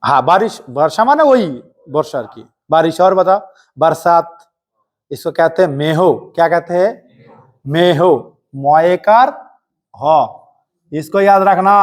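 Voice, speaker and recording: A man teaching Hindi vocabulary in a live coaching class, quizzing students with rapid questions and answers and scolding them playfully. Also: fairly high pitch. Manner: strict, jokingly threatens students.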